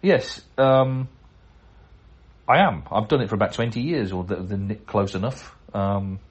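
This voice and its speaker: Chatty man with a low voice. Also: lively intonation, a little slow, lo-fi sound. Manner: chatty, chuckling, self-deprecating asides. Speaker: podcast host reading listener mail. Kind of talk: casual chat and letter reading.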